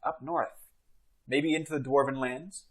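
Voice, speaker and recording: A man's voice: medium pitch, steady tone, measured pace, close to an everyday voice. A man role-playing a haughty, suspicious wizard who hunts trophies, speaking in a grand, condescending way at a tabletop game. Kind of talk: tabletop role-play acting.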